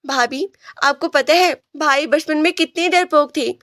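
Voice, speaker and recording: A woman's voice: high voice, a bit bright, no echo, clean studio sound. A woman voicing a playful younger sibling teasing about an older brother. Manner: playful, laughing.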